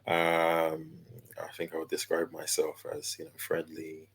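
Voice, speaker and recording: A laid-back man in his thirties talks as an interview guest. His voice sits very low and deep. He speaks in an easygoing, unhurried way, with plenty of fillers. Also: completely flat delivery, vocal fry, a bit bright, breathy edge. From London, England. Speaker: guest, character designer and illustrator. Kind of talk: casual interview chat.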